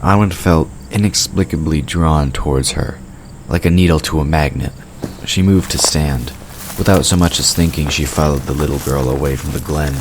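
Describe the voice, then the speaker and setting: A man with a rumbling low voice reads scripted third-person narration for a fantasy audio drama at a moderate pace. Night crickets can be heard clearly in the background.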